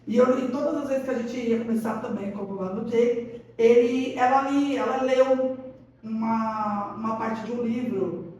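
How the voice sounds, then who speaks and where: A woman's voice: fairly high pitch, measured pace. A woman, a podcast guest giving a casual faith testimony and acting out the quoted dialogue in her stories. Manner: animated storytelling, acts out quoted dialogue. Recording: echoey room, mic at a distance.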